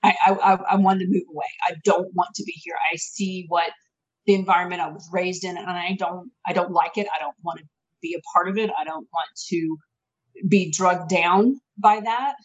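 A woman's voice: on the low side, fairly even intonation, moderate pace, dull audio. A woman co-hosting a casual podcast, talking things through reflectively with many restarts. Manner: reflective, with frequent restarts and fillers. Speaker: podcast co-host.

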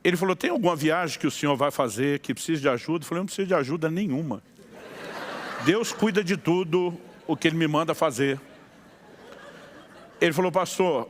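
A middle-aged man preaching as a pastor, telling a story with lively acted-out dialogue and frequent laughter. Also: a little high. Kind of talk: sermon storytelling.

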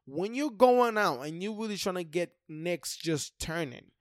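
A man's voice: sits high, lively intonation, unhurried, no echo, studio quality. A young man chatting casually like a frat bro, slangy and profane, often repeating himself as he goes. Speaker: podcast co-host. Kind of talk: casual chat.

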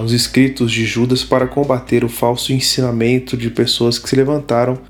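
A man teaching a Bible study series, explaining step by step and often pausing to restart. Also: mid-range voice. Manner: explanatory, frequent fillers and restarts.

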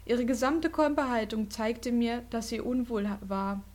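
A woman's voice: a little high, steady tone, unhurried, a little mellow. A woman podcast host reading a ghost story aloud in a dramatic storytelling manner.

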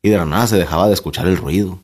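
A man's voice: low voice, rapid-fire, a little mellow. A Mexican man spinning a casual personal anecdote, his talk full of fillers, repeated words and easy laughter. He swears freely and circles back on his own sentences as he tells it. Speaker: storyteller.

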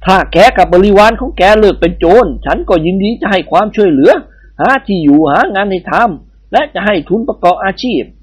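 A storyteller voicing a kindly, dignified older prince who speaks in a calm, measured way. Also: medium pitch, breathy edge, dull audio, voice pushed up, natural voice.

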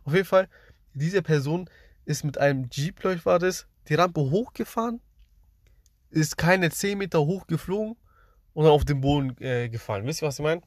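A man's voice: on the high side, lively intonation, moderate pace, no echo. A young man casually tells his dreams to his viewers, rambling in slang and often addressing them directly, close to the mic. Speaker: streamer.

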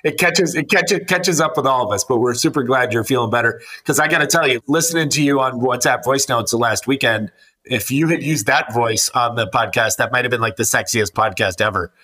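A man's voice: mid-range voice, a little fast, sharp tone, breathy edge. A man hosting a podcast, chatting casually in an upbeat, teasing way and reading out a guest's biography. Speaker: podcast host.

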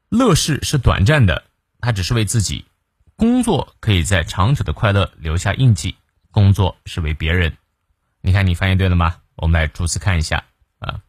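Lively low-voiced man teaching English. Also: no echo, studio quality. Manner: lively, drills pronunciation, slow careful English reading. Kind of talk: daily English lesson.

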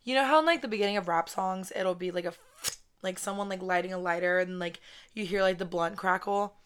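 A woman in her twenties hosts her own solo podcast, chatting casually in a raspy voice after a weekend wedding, swearing a lot and saying "like" constantly. Her voice is lowish, fairly quick and fairly bright. She is close to the podcast microphone.

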